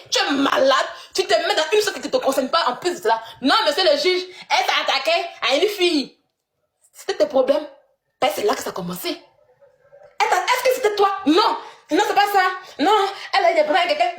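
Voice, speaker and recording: A woman's voice: high voice, reverberant. A woman ranting heatedly, mocking her rival and laughing scornfully between jabs. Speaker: social media personality in a feud. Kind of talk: angry livestream rant.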